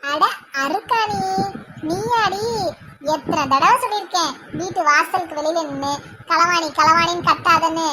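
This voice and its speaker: A woman voicing a loud, touchy old woman friend who shouts indignantly, with a Tirunelveli Tamil accent. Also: very high voice, moderate pace, noisy background. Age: older.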